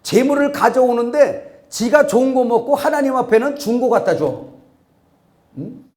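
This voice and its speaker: A man preaching a sermon as pastor. He is impassioned and swings from loud exclamations to hushed asides. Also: very high-pitched, animated, normal speed. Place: church sanctuary. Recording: echoey church hall.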